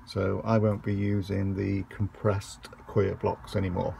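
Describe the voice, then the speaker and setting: A man giving a relaxed, hesitant tour of his allotment and greenhouse, filming on a handheld phone outdoors. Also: sits low, a little slow, creaky, slight background noise. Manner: relaxed, hesitant with many ums and uhs. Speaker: allotment vlogger. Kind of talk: casual garden tour narration.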